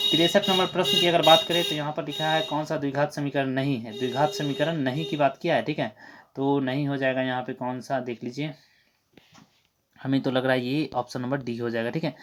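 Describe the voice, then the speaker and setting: A man teaching math, running through exam answers briskly, working the sums out loud and saying "okay" over and over. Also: medium pitch, steady tone, background noise. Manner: brisk, repeats "theek hai" constantly; works sums aloud in a running drone.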